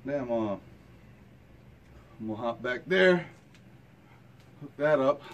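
Speaking slowly with lively intonation, this mid-range American man in his thirties vlogs casually, griping bluntly and colloquially into a handheld phone or camera at arm's length. The sound is lo-fi with a little hiss or hum. He goes from his home gym to the kitchen and then into a moving car.

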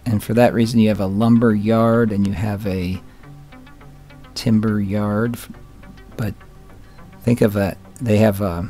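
A man's voice: on the low side, steady tone, measured pace, long pauses, warm tone, soft background music. A man hosting his own channel, giving casual commentary on old photos with wry, joking asides. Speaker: channel host.

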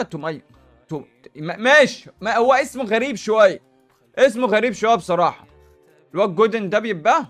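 A young man with an Egyptian Arabic accent giving animated, slang-filled gameplay commentary as a gaming YouTuber. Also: high-pitched. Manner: animated, rapid, hype-filled street slang.

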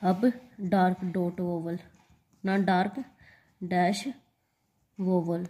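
Slow, mellow-voiced woman teaching shorthand. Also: lowish voice, little pitch movement, husky. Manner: spells out letters and repeats example words. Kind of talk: slow step-by-step lesson.

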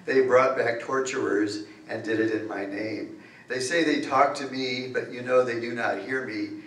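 An older man recites rhyming satire in a bouncy, mocking sing-song, his voice at an ordinary middle pitch. He stands at a podium mic, picked up by a camera well back in an echoey library room. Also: steady tone, moderate pace, fairly bright tone, distant mic. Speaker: open mic poet. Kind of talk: rhythmic satirical verse recitation. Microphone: podium mic, far camera.

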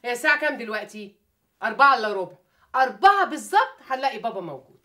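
A woman's voice: a little high, sing-song, very fast, bright, forceful tone. An actress playing a caring but firm middle-aged Egyptian mother in a TV drama set at home. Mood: patient. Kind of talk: naturalistic TV drama acting. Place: family home, indoors.

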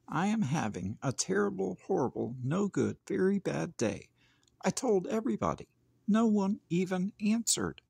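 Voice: mid-range voice, vocal fry, darkish tone, husky, dry recording, studio quality. A storybook narrator reading aloud expressively as a grumpy young boy, with dramatic, emphatic phrasing.

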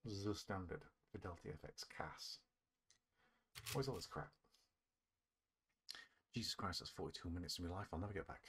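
A man's voice: low-pitched, moderate pace, pauses often, fairly bright tone, slight background noise. A British man giving casual, sarcastic, sweary game commentary. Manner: sarcastic, sweary, self-deprecating. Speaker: gaming video host. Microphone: voice-over mixed over game audio. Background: game music.

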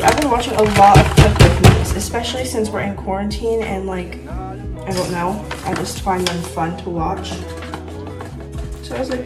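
A woman's voice: mid-range voice, recorded from a distance. A teenage girl chatting casually as she bakes in her home kitchen, rambling and poking fun at herself, filmed on a phone camera. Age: teens. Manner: chatty, self-mocking, rambling. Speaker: vlogger. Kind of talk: casual baking vlog. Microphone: phone camera at a distance. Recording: roomy kitchen, off-mic, music.

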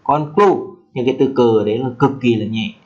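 A man giving a casual language lesson, repeating words slowly and drawing out example phrases. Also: mid-range voice, steady tone, mellow, highs cut off. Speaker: language teacher.

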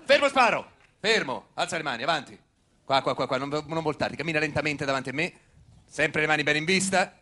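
A man's voice: fairly high pitch, animated, brisk, pushed and bright. An actor playing a blustering police sergeant who is cheating on his wife and keeps panicking. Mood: bossy. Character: flustered male carabinieri officer, cheating husband. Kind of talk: stage comedy acting.

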